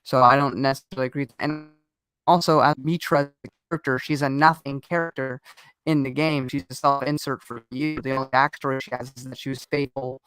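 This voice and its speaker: A man's voice: mid-range voice, fairly even intonation, brisk, fairly bright tone, smooth, low-quality recording. A man in casual chat as host of a fan discussion show, talking at length with frequent restarts and digressions.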